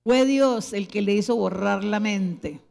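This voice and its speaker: A middle-aged woman pastor with a Colombian Spanish accent preaching a sermon, slowing into soft, prayerful tones and then rising with emphasis. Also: medium pitch, gravelly. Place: church sanctuary.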